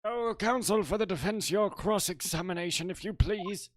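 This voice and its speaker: Man doing a grumpy, high-pitched old judge. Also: moderate pace, slight background noise, natural voice. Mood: stern. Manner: grumpy old man voice, throat-clearing, formal. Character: grumpy old male judge, formal and stern. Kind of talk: hobby video game dub.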